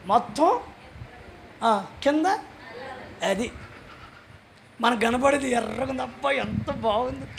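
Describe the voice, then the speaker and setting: A male pastor preaching a sermon in a chatty way, acting out little exchanges and breaking into shouted calls for hallelujah. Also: very high-pitched, slight background noise. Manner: conversational, acts out little dialogues.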